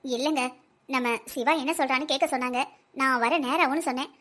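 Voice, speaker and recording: A woman's voice: high voice, steady tone, fairly quick, a bit bright. A woman voicing a fussy older wife and grandmother in a family cartoon, pleading and ordering her husband around in a South Tamil Nadu accent. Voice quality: pleading, busy, bossy. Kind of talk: cartoon family comedy acting.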